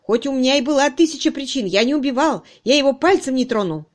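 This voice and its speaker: A woman's voice: a little high, normal speed, a little mellow, lightly acted. A woman reading an audiobook, voicing a frightened young male constable who begs and pleads. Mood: pleading. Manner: pleading, desperate.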